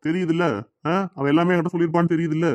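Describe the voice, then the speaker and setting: A man voicing a protective middle-aged cartoon father in Tirunelveli Tamil, gentle with his daughter and scolding with his wife. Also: a little high, level tone, racing, dry recording, close to an everyday voice. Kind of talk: cartoon dialogue.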